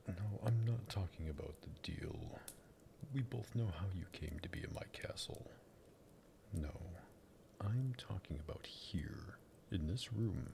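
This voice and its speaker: In an ASMR roleplay, a man voices a sadistic, possessive vampire master who teases with polite menace. His deep voice is breathy and gravelly, with background noise present.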